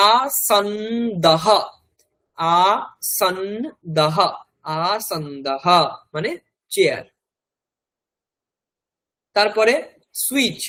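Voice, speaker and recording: A man's voice: high voice, poor audio. A man with a West Bengal Bengali accent teaching a Sanskrit class. He spells each word out letter by letter and repeats it several times. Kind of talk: classroom language lesson.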